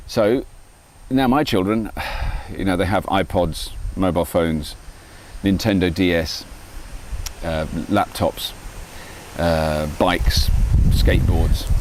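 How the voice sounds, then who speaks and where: A man's voice: deep voice, background noise. A middle-aged man, rambling in a casual, self-mocking vlog monologue from his garden. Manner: chatty, self-mocking, animated. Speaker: vlogger. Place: garden, outdoors.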